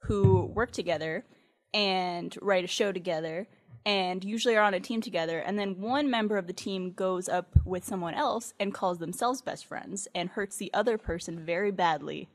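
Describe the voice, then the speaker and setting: A woman's voice: on the low side, normal speed. A woman playing along as a contestant on an improv comedy panel show, tossing out puns and giggling. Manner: playful punning, giggly. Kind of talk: improv game show banter.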